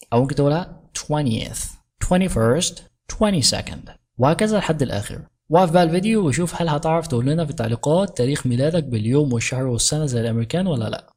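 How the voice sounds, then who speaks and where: A woman with an Egyptian Arabic accent teaching English from a sitcom clip. She explains quickly in Arabic, then slows right down for each English example. Her voice is soft and breathy. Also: very deep voice. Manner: brisk explaining, slow careful English.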